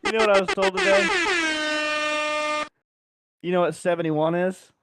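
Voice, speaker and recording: A man's voice: sits high, moderate pace, heavy background noise. A man in his thirties co-hosting a podcast, telling crude jokes in casual banter. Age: 30s. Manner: jokey, crude, animated. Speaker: podcast co-host.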